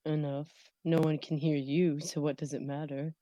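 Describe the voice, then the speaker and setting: A woman's voice: low-pitched, level tone, moderate pace, warm tone, dry recording, close to an everyday voice. A woman playing a guarded young woman adventurer who answers tersely and warily. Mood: wary.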